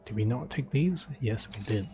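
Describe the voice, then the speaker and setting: A man's voice: on the low side, animated, normal speed, warm tone, faint music behind. A man streaming a video game, talking himself through his choices in a casual, thinking-aloud commentary.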